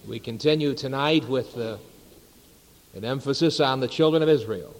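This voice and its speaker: A male pastor preaching and praying in a church sanctuary, measured and unhurried, with reverent pauses. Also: medium pitch. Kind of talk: sermon. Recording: long reverb of a large sanctuary.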